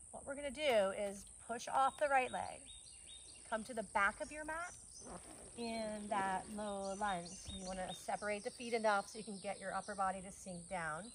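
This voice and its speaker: Calm, encouraging cues come from a female yoga teacher with a mid-pitched voice as she guides a class on a grassy farm field beneath trees. Faint crickets and other country outdoor noise can be heard.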